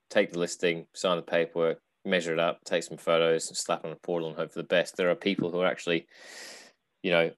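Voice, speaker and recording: Deep-voiced man hosting a podcast. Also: no echo. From Australia. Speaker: podcast host. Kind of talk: casual podcast conversation.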